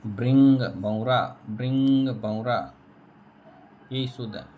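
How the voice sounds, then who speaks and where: A man's voice: mid-range voice, fairly even intonation, very slow, narrow, tinny audio, slight background noise. A man teaching a spelling lesson, repeating each word and answering his own questions. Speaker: Hindi teacher.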